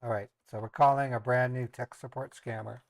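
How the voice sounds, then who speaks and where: A man's voice: mid-range voice, steady tone, brisk, vocal fry, dry recording. A man with an American accent hosting a live stream, talking casually and unhurriedly as he thinks aloud. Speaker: live stream host who calls scammers.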